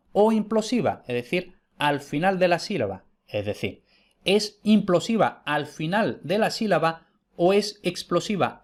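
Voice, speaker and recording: A man from teaching historical grammar in an informal online lecture, explaining patiently, repeating key points and checking in with his listeners. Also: on the high side.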